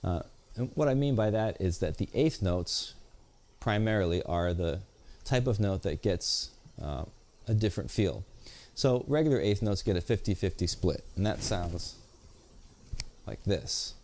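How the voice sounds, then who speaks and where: A man's voice: deep voice, lively intonation, unhurried, darkish tone. A man giving a jazz guitar video lesson, explaining patiently and counting beats aloud. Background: guitar playing between explanations.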